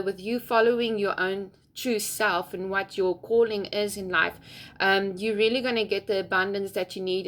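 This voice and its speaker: A woman talks through a tarot reading in an unscripted, casual way. Her voice sits in a mid range, and she sounds gentle and heartfelt. She fills her pauses with soft ums as she goes. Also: mid-range voice. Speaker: tarot reader.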